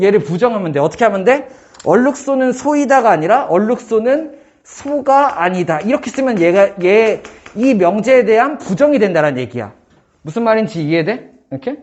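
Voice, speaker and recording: Man, math tutor, casual lesson, high lively voice, slightly dull lo-fi sound. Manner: quizzing a student with quick questions, joking.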